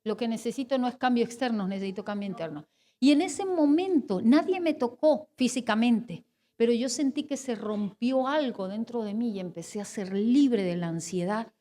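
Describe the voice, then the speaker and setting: A woman pastor in her forties with a Spanish accent preaches from the pulpit, her voice sitting high. She tells a personal testimony in a lively, storytelling way, dropping to near-hushed moments and then rising to emphatic ones. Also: moderate pace. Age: 40s. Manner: storytelling, animated, swings between hushed and emphatic.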